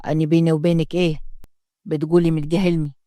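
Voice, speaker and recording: A woman's voice: low voice, little pitch movement, fast talker, mellow, no echo, clean studio sound, natural voice. A woman voicing a stern, proud young village mayor in an Upper Egyptian accent, speaking curtly in a story reading. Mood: cold. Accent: Upper Egyptian Arabic. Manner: curt and scolding. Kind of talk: storytelling read-aloud.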